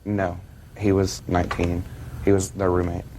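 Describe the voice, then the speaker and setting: A man's voice: sits low, monotone, moderate pace, mellow, slight background noise. A seventeen-year-old American male giving courtroom testimony as a plaintiff, hesitant and polite. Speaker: young plaintiff.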